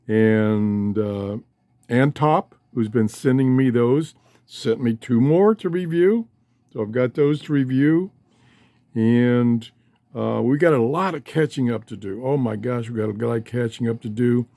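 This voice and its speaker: An older man hosts a shortwave radio hobby vlog from a cluttered downstairs room at home, recording on a handheld cell phone. His medium-pitched, dark voice is a little slow with no room sound, and he talks casually in a folksy, rambling way, often interrupting himself.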